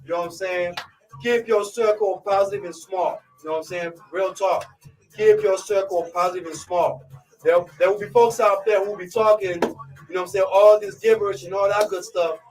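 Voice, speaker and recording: High-voiced hype radio host from Côte d'Ivoire. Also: male voice, steady tone, brisk, far from the mic, soft background music, poor audio. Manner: hypes listeners with constant "you know what I'm saying" fillers. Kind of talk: live radio show intro.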